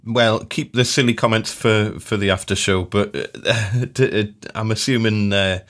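A man's voice: lowish voice, steady tone, normal speed, fairly bright tone. A man co-hosting a podcast in casual chat, with hesitant, broken-up phrasing. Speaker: podcast co-host.

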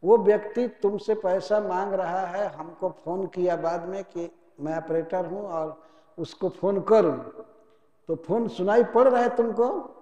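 A man's voice: high-pitched, unhurried, dark tone, dull audio. A man voicing a stern male phone operator who scolds a debtor for ignoring calls. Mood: scolding. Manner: scolding, reasoning. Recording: echoey hall.

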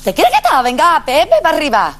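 A middle-aged actress playing a brash, bossy, quick-tempered working-class mother in a sitcom. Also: sits high, huge pitch swings, noisy background. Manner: bossy, scolding, loud and blunt. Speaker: mother of the family. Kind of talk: sitcom acting.

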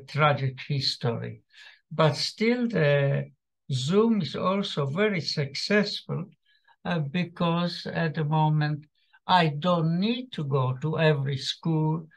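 The lo-fi, muffled video-call audio captures an octogenarian Slovak-accented survivor giving a testimony talk as a guest speaker from a small room at home, using his computer mic. His voice is a little high and gravelly, his delivery hesitant and broken by long pauses.

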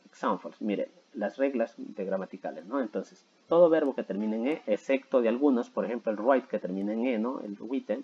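Low, mellow-voiced man teaching grammar. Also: breathy edge, muffled recording. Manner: patient, repeats himself with many "¿sí?" and "¿no?" check-ins. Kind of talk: explaining grammar to school students.

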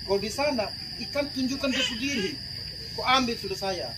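Papuan Indonesian priest preaching over crickets. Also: male voice, very high-pitched, brisk. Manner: lively, asks the congregation questions. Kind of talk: sermon. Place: outdoor open-sided tent at night. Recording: loud insect noise from far off.

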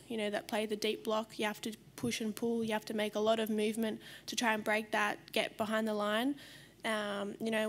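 A young Australian woman footballer answering reporters after a match, measured and full of fillers, into a desk mic in a press room. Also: medium pitch, a little hiss or hum. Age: young adult. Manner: measured, many fillers, trailing off at ends. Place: press conference room in front of sponsor board. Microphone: desk microphone on stand.

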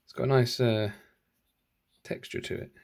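A man hosting his channel unboxes something at home, musing aloud and correcting himself, the clip shot one-handed on a handheld phone. He talks at normal speed in a steady, medium-pitched voice that's gravelly and somewhat dark.

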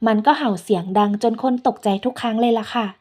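A woman telling a first-person story in a gentle, unhurried way. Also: on the high side, steady tone.

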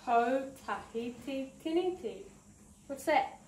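A female preschool teacher and story host with a New Zealand accent, her voice sitting high, leads an interactive story lesson for young children at a relaxed pace. She's animated and encouraging, using a lilting tone and drawn-out words. The indoor recording is distant, roomy, and has background noise.

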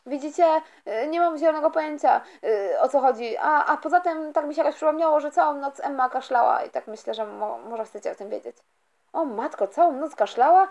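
A woman's voice: sits high, brisk, a little mellow, highs cut off. A woman voicing the parents in a toy story, fussing with worried exclamations.

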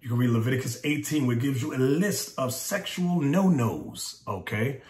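A man preaching in an animated, emphatic way, his voice jumping high when he mocks others. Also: normal speed, roomy sound. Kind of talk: video sermon commentary.

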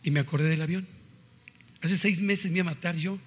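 A man's voice: a little high, steady tone, a little fast, a bit bright, husky. A middle-aged man with a Mexican accent giving an earnest, confessional religious testimony and quoting scripture. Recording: reverberant hall.

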